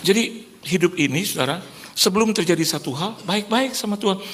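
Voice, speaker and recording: A middle-aged male pastor preaching in a church, telling lively stories with acted-out quotes and calling out to the congregation. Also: sits high, fairly quick, a little hiss or hum. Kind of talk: sermon.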